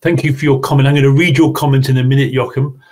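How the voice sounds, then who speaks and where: Walking viewers through his slides, this webinar presenter gives an explanatory online teaching seminar. His medium-pitched voice is a little mellow, with fairly even intonation and a quick pace.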